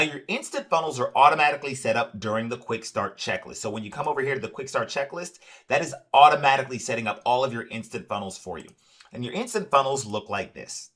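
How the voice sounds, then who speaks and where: A man walks viewers through a software dashboard in a bright, salesy tone, with his voice sitting at a middling pitch. He keeps checking in with "right?" and scatters "uh" through his sentences. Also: lively intonation, fast. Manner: upbeat salesy, repeats "right?" and "uh". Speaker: product demonstrator. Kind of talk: screen-share software walkthrough.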